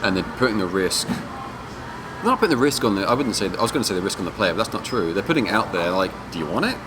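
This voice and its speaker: This interviewee, an indie game developer, has a fairly low, sing-song voice and talks fast. He rambles through informal explanations while a clear background hum runs under the recording.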